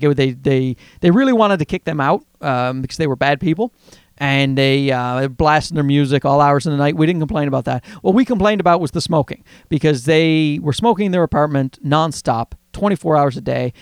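A man with a Newfoundland accent talks in a slightly high voice, recorded dry with no room sound. He rambles casually like a comedic podcast host, telling stories in an animated, exasperated way. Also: dry recording. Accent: Canadian, Newfoundland. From Newfoundland, Canada.

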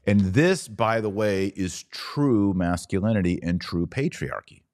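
A man with a low, darkish voice hosts a podcast as a commentator, speaking conversationally to his audience. His style is didactic and emphatic, with deliberate pauses to drive each point home.

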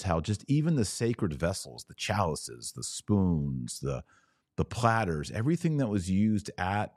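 A podcast host with a fairly low, darkish voice gives an emphatic monologue on his religious podcast. He explains using rhetorical questions and keeps repeating key words. The sound is clean studio audio with no echo.

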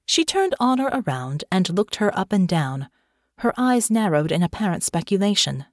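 A woman narrating an audiobook in a measured storytelling manner on a close mic. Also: medium pitch, big pitch swings, no echo. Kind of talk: scripted narration.

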